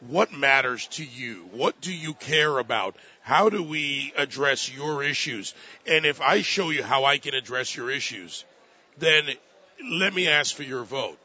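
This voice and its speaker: Bright, husky-voiced man on a panel. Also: medium pitch, animated, unhurried. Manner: storytelling, emphatic rhetorical questions. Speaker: political commentator. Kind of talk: panel discussion. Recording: dull lo-fi sound.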